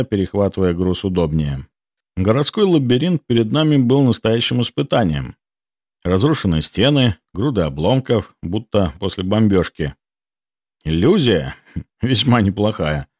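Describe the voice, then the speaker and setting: A man reading first-person audiobook narration in an expressive storytelling manner, recorded on a close studio mic. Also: on the low side, no echo.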